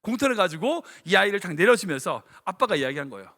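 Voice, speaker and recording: A man, a senior pastor, preaching a sermon in a church sanctuary as an animated storyteller who acts out dialogue. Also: high-pitched, fast. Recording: long reverb of a church hall.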